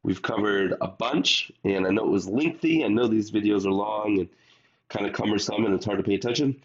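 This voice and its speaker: A man's voice: fairly low pitch, fairly quick, highs cut off. A man teaching a recorded math lesson while under the weather, explaining step by step and speaking directly to his students.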